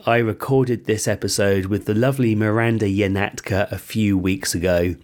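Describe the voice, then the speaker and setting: A man with a blocked-up, full-of-cold voice, presenting a podcast introduction in a chatty, self-deprecating way. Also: lowish voice. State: congested, bunged up with a cold. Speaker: podcast host. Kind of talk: scripted podcast introduction and sponsor read.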